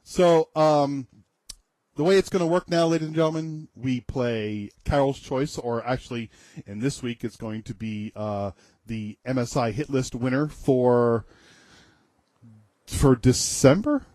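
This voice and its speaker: A man co-hosting an internet radio show in casual chat, jokey and quick to laugh, stumbling over his words. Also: medium pitch, a little mellow, no echo.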